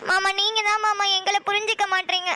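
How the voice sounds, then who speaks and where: A woman's voice: very high voice, level tone, fast, pushed and bright. A woman voicing a lovesick young woman pleading on the phone in a cartoon. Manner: pleading, insistent. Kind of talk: cartoon voice acting.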